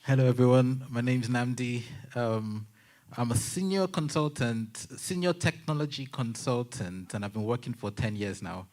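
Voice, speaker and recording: A man's voice: mid-range voice, expressive, moderate pace, darkish tone. A man, a panelist telling his career story in a chatty way with self-mocking asides. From Nigeria. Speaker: panelist, technology consultant. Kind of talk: panel testimony at a church young adults session.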